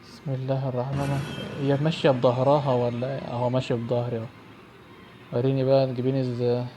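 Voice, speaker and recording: A man's voice: medium pitch, level tone, racing, background noise. A young man with an Egyptian Arabic accent, commentating a horror game he's playing. He sounds jittery and prays under his breath. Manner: jittery, screams and prays when startled. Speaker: gaming youtuber.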